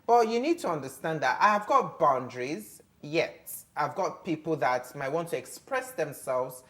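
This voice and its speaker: Emphatic low-voiced woman. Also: expressive, normal speed. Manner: opinionated, emphatic, acts out quoted speech. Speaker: TV talk show panelist. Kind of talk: studio discussion.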